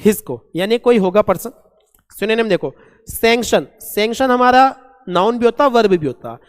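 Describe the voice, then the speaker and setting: A man teaching a vocabulary lesson, asking and answering his own questions and reading English examples out slowly. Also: high-pitched, animated, clean tone. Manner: asks and answers his own questions, calls students "beta". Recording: long echoing reverb.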